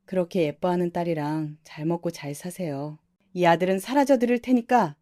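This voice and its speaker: A woman's voice: on the low side, moderate pace, mellow, dry recording, clean studio sound, lightly acted. A woman voicing a grown son, hurt and pleading emotionally with his mother.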